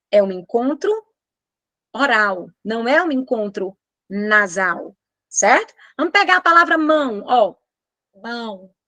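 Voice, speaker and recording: A Brazilian woman teaching grammar with a lively, swooping voice that sits on the high side. She talks slowly and emphatically, stretching out each example word, close to the mic in a dry, dead room. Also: no room sound. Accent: Brazilian Portuguese. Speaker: Portuguese teacher. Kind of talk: online exam-prep lesson.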